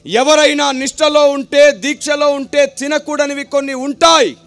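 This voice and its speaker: A man's voice: very high voice, steady tone, moderate pace, fairly bright tone, no echo, soft background music, voice pushed up. A preacher voicing a stern older village man who scolds and fires back challenging questions.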